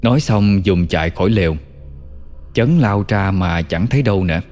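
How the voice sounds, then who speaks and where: Male storyteller, low calm voice, long reverb, soft music behind. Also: moderate pace. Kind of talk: storytelling narration.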